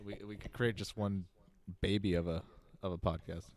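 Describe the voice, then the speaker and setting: A man's voice: low-pitched, steady tone, normal speed, darkish tone. A young man co-hosting a casual podcast, joking around, swearing a lot and playing up his lines. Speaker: podcast co-host. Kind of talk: casual chat.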